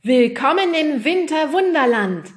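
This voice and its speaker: A woman's voice: medium pitch, moderate pace, natural voice. A woman voicing a zany male TV weatherman who announces everything theatrically. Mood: showy.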